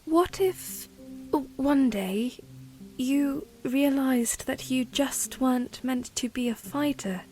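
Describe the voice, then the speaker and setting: A woman playing a young princess in a fantasy audio drama, speaking formally and gently with some hesitation. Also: high-pitched, slow pace, faint music behind. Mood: probing, wistful. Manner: formal, careful phrasing with hesitant stammers.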